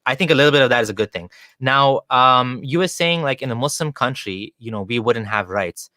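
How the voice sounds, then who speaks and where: A man hosts an interview in a bright, forward voice. He argues his points at length and leans on casual fillers. The recording is close and dry. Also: mid-range voice, lively intonation, fairly quick, no echo. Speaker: interview host. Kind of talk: conversational interview.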